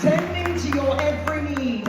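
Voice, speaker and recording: Upbeat female cruise director for live stage welcome: high voice, crowd-rousing delivery, music and audience behind her. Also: far from the mic. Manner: upbeat, rallying the crowd with drawn-out emphatic introductions. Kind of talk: live stage announcing, introducing officers to an audience. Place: on stage in a cruise ship venue. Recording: echoey PA in a large hall, music and crowd. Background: music and audience noise.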